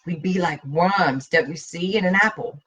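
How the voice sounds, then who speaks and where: Woman doing a quiet intense boy, stubborn, withdrawn, slightly breathy, storybook reading. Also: sing-song, normal speed, far from the mic, full character voice. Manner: low-key, intense, withdrawn.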